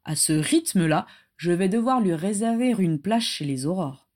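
A gruff old hand of a man who grumbles his words in a storybook reading, as a woman narrator puts him on. Plain and a little lower than her own voice. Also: animated, moderate pace, darkish tone, natural voice. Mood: proud.

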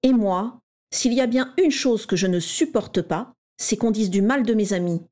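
A woman's voice: mid-range voice, moderate pace, mellow, natural voice. A woman voicing a cocky, mocking schoolboy who bullies a younger pupil, in a raised, taunting voice. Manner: taunting, showy.

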